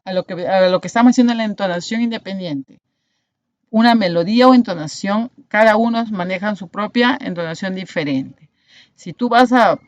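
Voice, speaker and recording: Teacher, woman, mid pitch; patient explainer with tag questions, dry, dull lo-fi audio. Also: no echo. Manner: explanatory, checks understanding with frequent "¿no?". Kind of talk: online grammar class.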